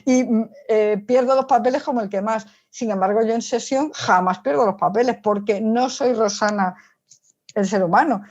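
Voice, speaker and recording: On a dull lo-fi recording, a psychologist appears as an interview guest, laying out her opinions casually and forcefully with frequent rhetorical questions. Her voice is on the high side with a darkish tone, at normal speed.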